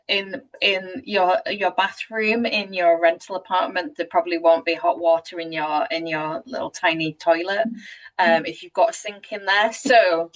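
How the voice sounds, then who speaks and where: A woman's voice: fairly low pitch, steady tone, moderate pace, a bit bright, far from the mic, low-quality recording. A British woman hosting a casual group video call, chatty and laughing through her stories. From United Kingdom. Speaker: host of a networking call.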